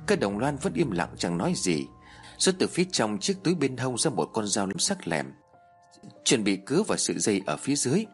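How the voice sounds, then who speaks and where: A man narrating a horror story, voicing the shouts and pleas of its characters in a dramatic storytelling manner. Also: sing-song, a little fast, husky, faint music behind. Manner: acts out the characters' shouts and pleas with raised pitch.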